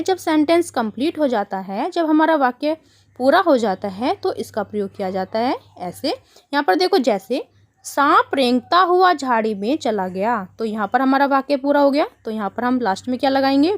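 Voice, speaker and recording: A woman teaches young children from a worksheet. Her voice sits high and swings widely in pitch. She explains patiently, asking the kids questions and calling them "beta". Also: lively intonation, normal speed. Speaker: primary school teacher. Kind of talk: online worksheet lesson for children.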